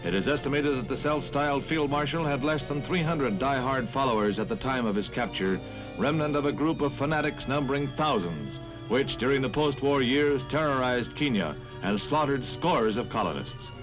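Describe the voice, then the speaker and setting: A man's voice: medium pitch, animated, moderate pace, rough recording. An American man narrating a 1950s newsreel in a dramatic, punchy announcer's delivery. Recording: old newsreel soundtrack under loud music.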